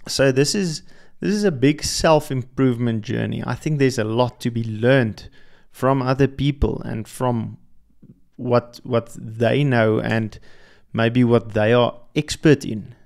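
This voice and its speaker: He's a young adult podcast host, an Afrikaans first-language speaker, working through a solo reflective monologue with frequent restarts and fillers. His medium-pitched voice is darkish with vocal fry, and his pace is unhurried.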